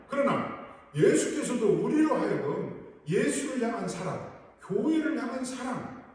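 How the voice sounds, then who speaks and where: A man's voice: high voice, darkish tone. A male pastor preaching a sermon earnestly and putting rhetorical questions to his congregation. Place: large church sanctuary. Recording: echoey hall, voice from far off.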